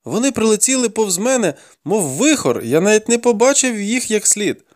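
A man's voice: sits high, sing-song, moderate pace, no room sound, clean studio sound, pitched above the performer's own voice. A man voicing a frightened young male deserter held captive, pleading and frantic.

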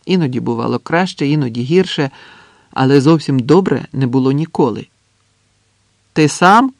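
A man narrating a novel as an audiobook in a measured, even manner. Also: medium pitch, gravelly, no echo. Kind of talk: scripted narration.

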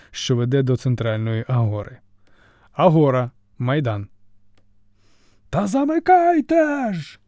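A man reading a story as an audiobook narrator, with steady, dryly ironic storytelling. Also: mid-range voice, no echo, clean studio sound. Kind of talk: scripted narration.

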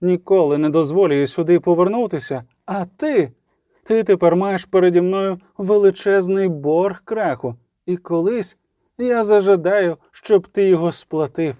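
A man's voice: sits high, normal speed, dark tone, no room sound, studio quality, pitched above the performer's own voice, close to an everyday voice. A man voicing a stern, imperious old queen who commands and scolds in a cold, ruling tone. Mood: commanding.

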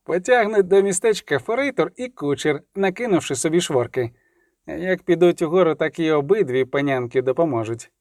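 A man's voice: fairly high pitch, animated, moderate pace, darkish tone, no echo, clean studio sound, voice pushed up. A man voicing a leering young male bandit who taunts and sneers in a Ukrainian audiobook. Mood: mocking.

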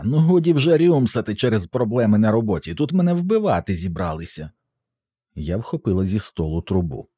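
A man narrates a first-person action story with steady tension. His voice is low and dark, with a husky grain. The recording is close and dry. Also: dry recording. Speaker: audiobook narrator.

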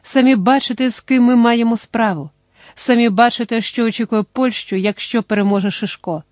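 A woman's voice: medium pitch, normal speed, darkish tone, no echo, clean studio sound, close to an everyday voice. A woman reading the lines of a male political candidate, speaking in an oratorical way to a crowd. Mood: rousing.

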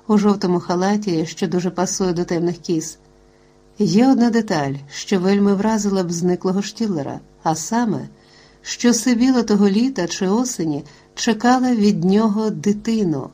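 A woman reading a novel aloud as narrator, in a calm, even voice. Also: medium pitch. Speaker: audiobook narrator.

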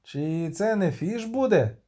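A man's voice: sits high, lively intonation, takes it slowly, mellow, pitched above the performer's own voice. A man voicing a curt, wolfish female soldier reporting to her commander.

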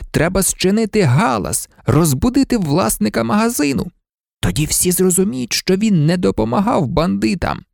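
A man narrating a children's story in an expressive, lively storytelling manner. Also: fairly high pitch, gravelly, dry recording, clean studio sound.

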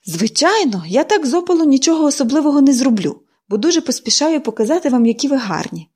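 A woman doing a chatty little girl in a storybook, eager and bubbly, with a high voice that leaps up and down as she gushes. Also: very animated, quick pace, a little mellow.

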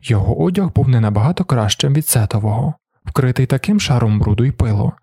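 A man narrating a fantasy novel in an even, steady audiobook read. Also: mid-range voice, quick pace, gravelly, husky, no echo, clean studio sound. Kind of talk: scripted narration.

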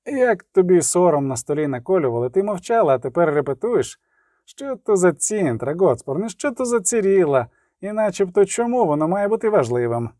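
A man's voice: high-pitched, very animated, a little fast, warm tone, dry recording, studio quality. A man voicing a stern, commanding male outlaw leader in an audiobook. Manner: restraining, commanding.

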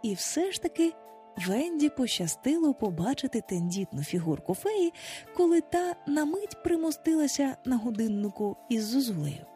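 Expressive female audiobook narrator with a high voice and faint music behind her. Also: moderate pace. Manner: expressive, lively storytelling.

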